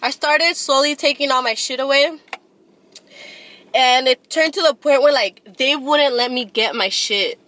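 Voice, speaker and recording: A woman's voice: sits high, measured pace, pushed and bright. A woman in her twenties casually telling a long personal story, blunt and profane. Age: 20s.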